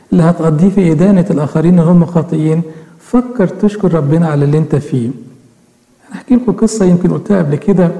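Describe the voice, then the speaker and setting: A man's voice: high voice, mellow. A man with an Egyptian Arabic accent preaching a sermon, earnestly questioning his listeners directly. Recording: echoey hall with long reverb.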